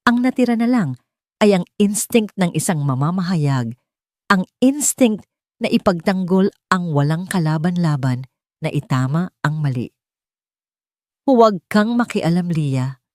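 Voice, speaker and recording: A Filipino-accented woman narrates a scripted dramatic audiobook story at a moderate pace, her voice low, darkish, and expressive. The sound is clean studio audio without any echo.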